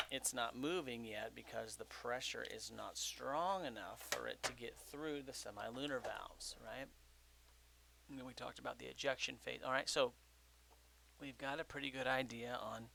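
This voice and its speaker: A man's voice: mid-range voice, steady tone, a little slow, creaky, bright, forceful tone, a little hiss or hum. A man teaching a recorded lecture, explaining step by step with many fillers and frequent "okay?" checks.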